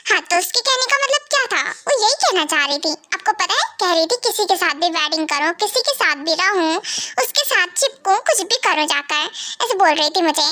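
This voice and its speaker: A woman's voice: extremely high pitch, lively intonation, a little fast, few pauses, sharp tone, heavily acted. A woman voicing a hot-tempered young male vampire son, whiny and defensive, in a fan audio drama. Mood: pleading.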